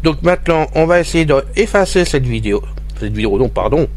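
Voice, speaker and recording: A man's voice: a little high, lively intonation, brisk, darkish tone. A man presenting an informal step-by-step tutorial, talking straight to his listeners as he describes what he does. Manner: addresses listeners directly, narrating his own actions. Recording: faint hiss from recorder. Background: hiss.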